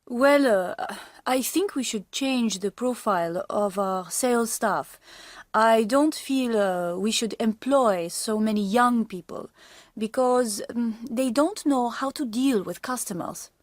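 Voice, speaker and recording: Doubting manager in a staged meeting, bit hesitant, highish voice, dry recording. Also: female voice, takes it slowly, dry recording. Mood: sceptical. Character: sceptical female manager arguing in a meeting. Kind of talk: scripted language-course meeting dialogue.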